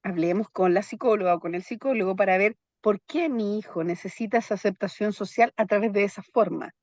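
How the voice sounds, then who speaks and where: A woman's voice: mid-range voice, a little fast, dry recording, dull audio. A woman psychologist explaining in an interview, constantly checking in with her listener through little tag questions. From Chile. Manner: keeps checking in with "¿ya?" tags.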